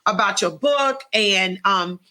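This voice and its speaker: Bright-toned earnest woman podcast host. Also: medium pitch, takes it slowly. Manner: earnest, encouraging, faith-inspired speech. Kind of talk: conversational podcast interview.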